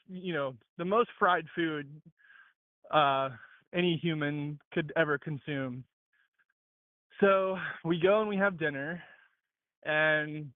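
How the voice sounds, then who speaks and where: A man calls in, and his voice comes through a tinny speakerphone line that sounds dry and close. He is in his late twenties, from Mississippi, and tells a rambling story as he walks. He sits a little high for a man, stumbling and restarting as he goes. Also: dry recording. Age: late 20s. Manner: halting, many restarts and fillers. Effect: heard over a phone speaker. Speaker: caller telling a story. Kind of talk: rambling storytelling while walking.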